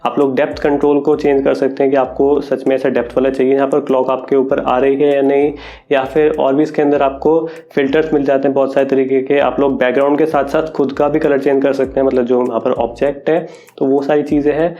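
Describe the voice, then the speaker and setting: Mellow-voiced man in a tech vlog. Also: mid-range voice, fairly quick. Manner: chatty, relaxed, thinks aloud with fillers. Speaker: tech YouTuber. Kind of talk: casual explainer vlog. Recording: dull lo-fi audio.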